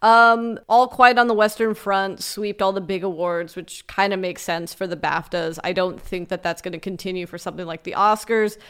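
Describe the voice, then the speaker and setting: A woman's voice: medium pitch, normal speed, hardly any pauses, a bit bright, smooth. A woman co-hosting a casual pop culture podcast, chatty and joking, laughing often. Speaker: podcast co-host. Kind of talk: casual chat.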